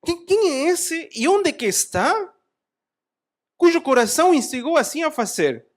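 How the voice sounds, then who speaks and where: A man voicing an angry ancient Persian king who demands answers with loud, indignant outbursts. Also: a little high, wildly swooping pitch, brisk, husky, exaggerated voice. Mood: outraged.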